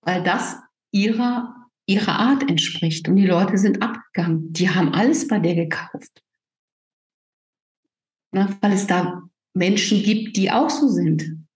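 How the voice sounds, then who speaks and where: A woman coach speaks with emphatic conviction in a relaxed interview, punctuating her thoughts with quick tag questions. Her voice sits at a middle pitch and bounces around an echoey room. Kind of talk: casual interview chat.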